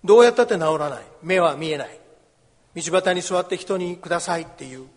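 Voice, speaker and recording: A man's voice: sits high, expressive, fairly quick, in a large hall. A man preaching a sermon as a pastor, explaining a scripture passage and acting out the cries of the people in it. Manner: explains scripture, acts out the beggar's and crowd's cries.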